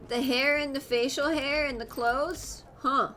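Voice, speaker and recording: A woman's voice: sits high, steady tone, unhurried, fairly bright tone. A woman streaming a game, reacting casually in a gushing, easily moved way.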